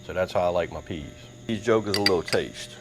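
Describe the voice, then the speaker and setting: A man's voice: low voice, fairly quick, over music, low-quality recording. A Southern man hosting a casual cooking vlog, talking in a folksy, chatty drawl. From Mississippi. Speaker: cooking channel host. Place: workshop with insects outside.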